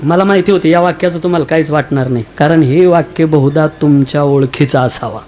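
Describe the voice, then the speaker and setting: High-voiced man preaching a comic kirtan. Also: fairly quick, music in the background. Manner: jokey, addresses elderly women in the audience, acts out dialogue. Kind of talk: humorous kirtan sermon.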